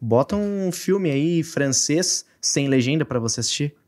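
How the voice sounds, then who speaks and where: A man's voice: a little high, animated, measured pace, darkish tone. A man hosting a podcast, affirming his guests and offering everyday examples in casual chat. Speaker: podcast host.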